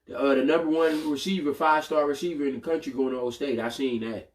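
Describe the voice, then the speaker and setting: A man's voice: a little high, steady tone, fast talker, recorded from a distance. A man co-hosting a casual sports chat, talking emphatically in loose, slangy speech and often tacking on "man.". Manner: emphatic, colloquial, says "man" a lot. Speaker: sports talk co-host.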